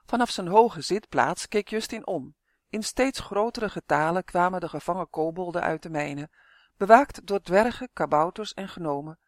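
Storybook narrator, calm expressive reading, mid pitch, dry close recording. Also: moderate pace, dry recording. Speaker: audiobook narrator.

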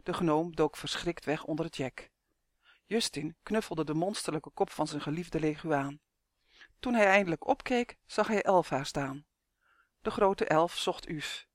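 A narrator reading a children's fantasy story in a steady, measured way. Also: medium pitch, dry recording, clean studio sound. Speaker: audiobook narrator.

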